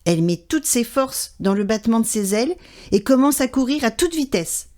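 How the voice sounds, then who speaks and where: A woman reads a children's story aloud. Her telling is expressive and animated. Her voice sits a little high. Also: normal speed.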